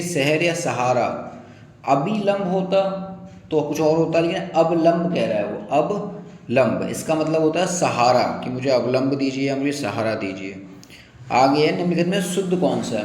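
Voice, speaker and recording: Male teacher, exam quiz lesson, raised pitch, echoey room with long reverb. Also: darkish tone. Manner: explains, repeats words slowly, asks listener.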